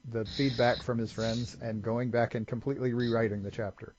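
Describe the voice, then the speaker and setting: Speaking a little fast in a level, medium-pitched voice that's slightly mellow, a male podcast co-host rambles through lore and off into tangents during a casual chat. The lo-fi recording is a bit dull, with faint hiss.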